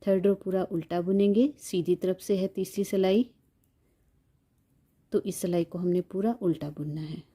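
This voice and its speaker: A woman's voice: on the low side, steady tone, moderate pace, warm tone, slightly rough. A woman giving a step-by-step knitting tutorial, patiently counting stitches aloud and repeating each instruction.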